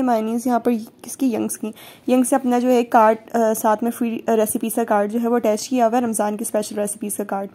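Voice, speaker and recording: A woman's voice: fairly high pitch, dark tone. Chatty young woman vlogging in a store. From Pakistan. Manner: chatty, joking asides. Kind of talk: casual vlog narration. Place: large supermarket, indoors.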